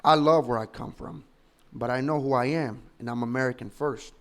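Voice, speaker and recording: A man's voice: medium pitch, moderate pace, a bit bright. A man in his thirties from the Dominican Republic, a political commentator giving opinionated, emphatic and argumentative commentary full of rhetorical questions. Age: 30s.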